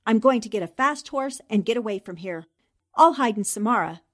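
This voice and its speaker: Voicing a clever, unflappable columnist who solves mysteries on the side in a radio drama, a woman speaks with a fairly high, animated voice. Her delivery is deliberate and narrative.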